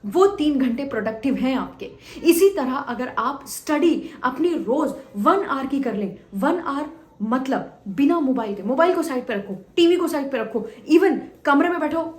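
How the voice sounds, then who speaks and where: In a roomy-sounding space, this young woman teacher talks animatedly at a moderate pace in a high voice. Her motivational exam advice includes a story she performs between two students, and she repeats phrases for emphasis.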